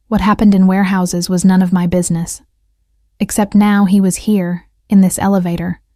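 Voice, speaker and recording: Even-toned woman reading a romance. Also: medium pitch, no room sound, studio quality. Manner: measured, steady storytelling. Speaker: audiobook narrator. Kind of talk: first-person romance narration.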